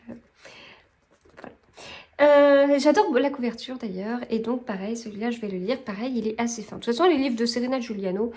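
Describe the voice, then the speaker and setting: A woman talking about books in a casual vlog, her voice sitting a touch high. She chats on loosely, trailing off and restarting her sentences as she corrects herself. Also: darkish tone. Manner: chatty, rambling, self-correcting. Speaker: book vlogger. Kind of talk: casual book chat.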